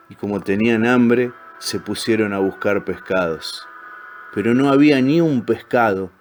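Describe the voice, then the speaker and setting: A man reads a storybook aloud in a calm, measured way at a mid-range pitch. Faint, soft music plays quietly behind him.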